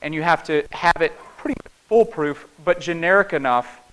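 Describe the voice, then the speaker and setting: A man's voice: fairly high pitch, expressive, moderate pace, a bit bright, smooth, poor audio. A man with a Southern Appalachian American accent gives an informal conference talk in a folksy, conversational way, often checking in with "right?" and "okay?". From small town in North Carolina, United States. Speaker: conference speaker, security penetration tester. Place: live talk before an audience.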